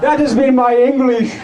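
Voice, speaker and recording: A very high-pitched male voice comes through over a noisy background. He is a man in his seventies from Iran, a native Farsi speaker and author with an Iranian accent, giving a humble, joking award acceptance speech full of hesitations.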